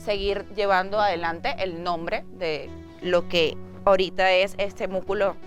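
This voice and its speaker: A woman's voice: mid-range voice, fairly even intonation, measured pace, faint music behind. A woman in a women's biker group, chatting casually in an interview with lots of fillers. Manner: chatty, many fillers like "o sea".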